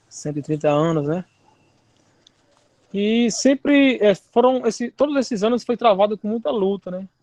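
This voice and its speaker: A man from Alagoas, speaking as a seminar guest over a video call, measured and hesitant, with tag questions. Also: fairly high pitch, mellow, no echo. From Alagoas, Brazil. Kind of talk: online seminar talk.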